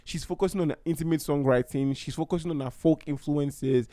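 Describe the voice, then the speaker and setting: A man's voice: a little high, fairly quick, mellow, no room sound. A young man from Nigeria hosting his own podcast in a casual, heartfelt way, rambling and often restarting his sentences. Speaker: podcast host. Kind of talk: casual solo podcast talk.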